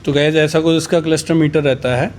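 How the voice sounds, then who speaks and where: A man pitching used superbikes in a casual, boastful way, rattling off price countdowns. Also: steady tone, fairly quick, a little mellow, a little hiss or hum.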